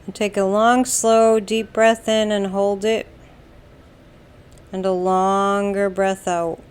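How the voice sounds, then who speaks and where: With long pauses and a deliberate pace, an American woman narrates a slow guided meditation, offering calm, soothing instructions. Her voice sits at a medium pitch and sounds clean.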